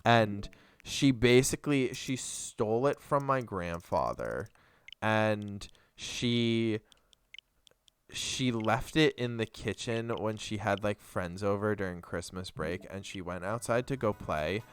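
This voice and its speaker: Streaming a game, this young man talks slowly in a lowish, clean voice. His chat is casual and meandering as he tells a story, with plenty of free swearing along the way.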